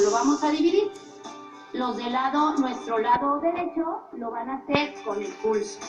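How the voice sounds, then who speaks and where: High-voiced woman teaching rhythm, echoey. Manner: counts beats aloud with claps. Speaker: music teacher. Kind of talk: classroom demonstration. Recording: echoey room from a distance, dull sound, music behind.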